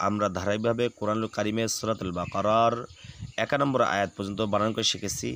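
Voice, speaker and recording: A man teaching Quran recitation, explaining rules quickly and then reciting words slowly and drawn out. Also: lowish voice, steady tone, a bit bright, slight background noise. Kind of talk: spelling-out recitation lesson.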